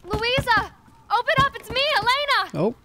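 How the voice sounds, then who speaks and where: A woman's voice: very high-pitched, big pitch swings, measured pace, heavy background noise, heavily acted. Elena, a desperate young village woman. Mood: pleading. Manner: urgent, pleading. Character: frightened young village woman pleading for her father. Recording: game audio with loud ambience.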